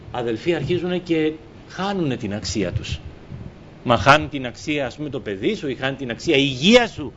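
This sermon comes from a man whose voice is fairly high and fairly bright, captured in a muffled recording with a little background noise. After reading from scripture, he urges his congregation on, his questions swelling with emphasis as he calls them beloved brothers.

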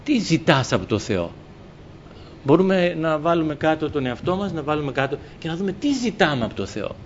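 A man's voice: a little high, big pitch swings, dull audio, a little hiss or hum. A man preaching a sermon, reading scripture and then exhorting the congregation, rising emphatically on his questions and calling them beloved brothers. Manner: addresses listeners as beloved brothers.

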